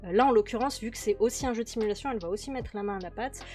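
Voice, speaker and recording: Playing a management game in a laid-back let's-play, this woman speaks rapid-fire in a fairly high, slightly mellow voice. Her commentary rambles with fillers and repeated words over faint background music.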